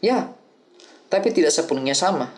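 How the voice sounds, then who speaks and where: A man reading the lines of an older male acting teacher who explains things calmly and patiently in an audiobook. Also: fairly high pitch, normal speed, close to an everyday voice. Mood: instructive. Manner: calm, explanatory lecturing.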